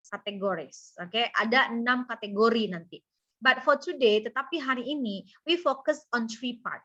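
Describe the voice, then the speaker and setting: Bright-voiced Indonesian woman teaching English. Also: a little high. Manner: switches between English and Indonesian, repeats each point. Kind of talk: online class lecture. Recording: dull lo-fi audio.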